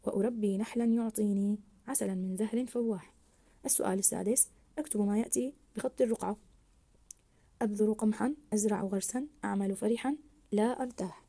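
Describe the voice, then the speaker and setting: A woman teaching a grammar lesson to young children, slowly stretching out words as she models them and praising her pupils. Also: mid-range voice, steady tone, mellow.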